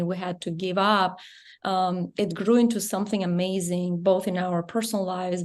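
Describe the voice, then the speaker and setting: A middle-aged woman with a Russian accent tells her personal story as an interview guest. Her English is earnest and a little halting. Her voice sits at an ordinary middle pitch. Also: a little mellow. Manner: earnest, halting non-native phrasing.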